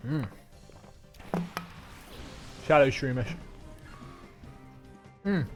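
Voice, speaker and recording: A man's voice: medium pitch, animated, extremely slow, faint music behind. Chatty English man streaming a game. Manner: rambling, chatty, talks with mouth full. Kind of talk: casual live-stream chat while gaming.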